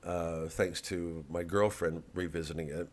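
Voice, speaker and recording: A low-pitched male comedian talks casually to his online audience. He rambles and digresses, often halting to find his thread, with a self-deprecating manner. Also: steady tone, darkish tone.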